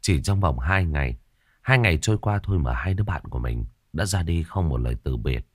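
A man narrating a ghost story with a dramatic, expressive reading. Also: rumbling low, brisk, no room sound, studio quality.

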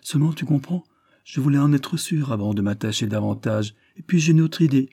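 A man voicing a gentle, candid middle-aged wife in a storybook reading, speaking calmly and tenderly. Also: mid-range voice, brisk, husky, dry recording, studio quality, pitched above the performer's own voice. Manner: calm, candid, softly tender.

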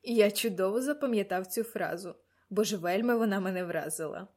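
Woman reading as a male doctor, wry, courteous, amused, slightly lower voice, storybook reading. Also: fairly quick, darkish tone, lightly acted. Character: genial middle-aged male doctor, wry.

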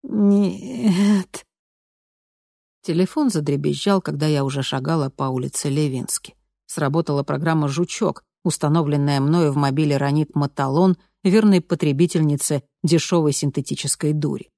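Gravelly audiobook narrator. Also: medium pitch, fairly even intonation, brisk, mellow, dry recording, clean studio sound. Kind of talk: scripted narration.

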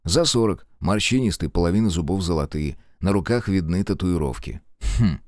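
A man narrating a first-person audiobook in a steady, expressive storytelling manner. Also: low-pitched, a little fast, no room sound, studio quality.

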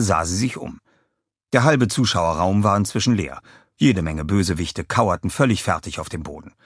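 A man narrating a children's audiobook in an expressive, lively storytelling way. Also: low voice, slightly rough, no room sound, clean studio sound. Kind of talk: scripted narration.

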